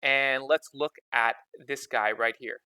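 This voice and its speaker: Bright, dry-voiced man teaching math. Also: medium pitch, fairly even intonation, unhurried, smooth, no room sound. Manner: repeats "okay?" constantly, chatty and informal. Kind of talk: casual explanatory lesson.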